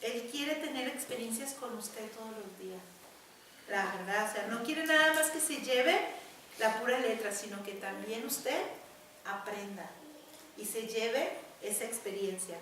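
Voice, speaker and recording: A woman's voice: a little high, measured pace, fairly bright tone, slight background noise. A woman preaching a sermon to her congregation in a church, emphatic and often repeating her words. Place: large church hall. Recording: echoey church hall, mic far off.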